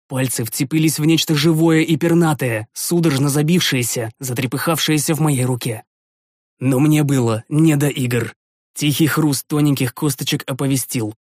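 A man's voice: a little high, darkish tone, dry recording. A man narrating a fantasy audiobook in the first person, tense and dramatic, recorded on a studio microphone.

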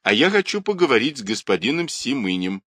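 A man's voice: mid-range voice, very animated, fairly quick, fairly bright tone, no room sound, voice pushed up. A man voicing a cheeky, poor young boy who hustles for coins, talking brashly and defiantly. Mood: wheedling. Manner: pleading, then brash and defiant.

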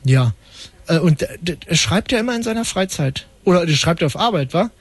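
A man's voice: a little high, lively intonation, fairly quick, slightly rough, no echo. A man hosting a call-in radio show, bantering and teasing his callers. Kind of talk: casual call-in radio chat. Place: radio studio. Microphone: studio microphone.

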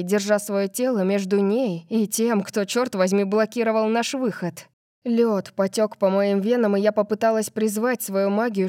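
A woman narrating a first-person fantasy audiobook in a steady, measured way. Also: mid-range voice, dry recording, clean studio sound.

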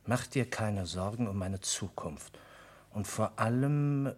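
An actor playing a polite gentleman doctor and detective's companion in a German radio drama, courteous and a little hesitant. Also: on the low side, animated, slow pace, breathy edge, full character voice. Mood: hesitant, careful reading.

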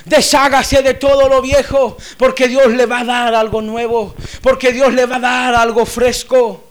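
A man preaching a sermon, moving from hushed storytelling to loud shouted preaching and repeating phrases for emphasis. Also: very high voice, flat delivery, unhurried, smooth.

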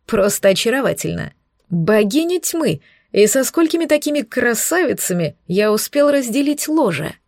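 A woman voicing a young male incubus who is excitable and teasing, sounding amazed and amused. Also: a little high, normal speed, dry recording, clean studio sound.

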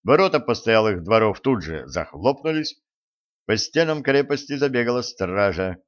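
A man reading narration for an adventure audiobook in a steady, measured way. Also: fairly low pitch, dull audio. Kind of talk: scripted narration.

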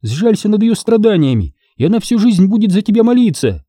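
A man voicing a desperate young woman addict who pleads and curses in a shrill, begging voice. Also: sing-song, brisk, dark tone, no echo, clean studio sound. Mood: pleading.

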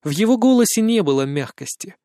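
Man reading an audiobook, high voice, dramatic, dry close sound. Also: very animated, a little fast, warm tone, no room sound. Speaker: audiobook narrator. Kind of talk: first-person audiobook narration.

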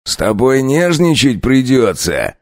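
A man playing a mocking, brutal werewolf bandit leader who talks slowly and sneers. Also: medium pitch, sing-song, no room sound, studio quality, voice pushed up. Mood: sneering. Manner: slow, sneering, gloating.

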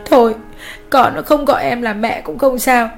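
A scheming stepmother whines and sniffles with fake pity, voiced by a woman. She is pitched above the narrator's own voice and sounds soft and slightly off-mic. Soft music plays beneath the reading. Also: unhurried, gravelly. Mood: fake pitiful. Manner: whiny, sniffling, fake-pitiful.

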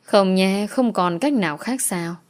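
A woman narrating a story in a steady, dramatic reading voice. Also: medium pitch, unhurried.

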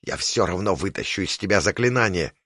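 A man's voice: deep voice, lively intonation, fairly quick, bright, forceful tone, slightly rough, dry recording, clean studio sound, full character voice. A man voicing a venomous captive witch who leads a coven, hissing and mocking as she talks. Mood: spiteful. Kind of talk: audiobook character voice.

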